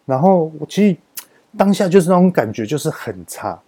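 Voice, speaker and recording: A man with a Taiwanese Mandarin accent, telling a work story as a podcast host in a casual, animated way, stretching his sentence-final particles for emphasis. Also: fairly high pitch, a little fast.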